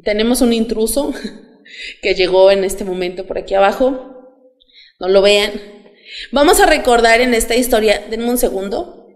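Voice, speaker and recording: A woman's voice: a little high, moderate pace, long pauses. A woman giving a chatty Bible lesson to teenagers in a church, often asking her listeners questions. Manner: chatty, asks the audience questions. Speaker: youth Bible teacher. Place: church hall. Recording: long hall reverb.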